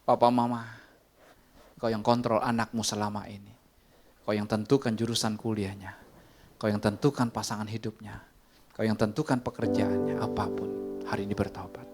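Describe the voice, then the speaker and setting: A man with an Indonesian accent preaching a sermon from a church stage, moving between lively emphasis and hushed whispers. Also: fairly low pitch, fairly quick, long pauses, soft background music. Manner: animated preaching, drops to whispers. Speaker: pastor. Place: church sanctuary.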